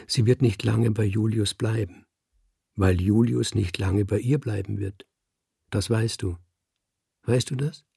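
Guy voicing a sneaky tomcat in an audiobook, raspy and coaxing, bit low. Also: measured pace, long pauses, warm tone, dry recording, studio quality, heavily acted. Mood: scheming. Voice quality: husky, gravelly. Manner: coaxing, insinuating. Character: scheming male house cat, sly adviser.

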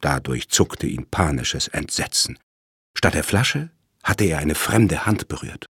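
A male narrator reading a crime story with dramatic, measured delivery. His voice is very low and husky. The recording is dry and close, with no room sound. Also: lively intonation, a bit bright, dry recording.

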